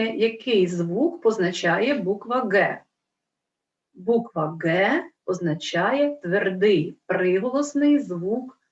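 A woman teaching a reading lesson to young children, spelling out syllables slowly and clearly and asking coaxing questions. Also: medium pitch, distant mic. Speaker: primary school teacher. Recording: roomy, dull lo-fi recording.

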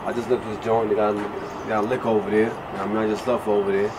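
A man playing a sly hushed schemer. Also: little pitch movement, racing, background noise, natural voice. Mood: conspiratorial. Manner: low, hushed and conspiratorial. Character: young man pitching a robbery, sly. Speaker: street character in a crime drama. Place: city sidewalk at night, outdoors.

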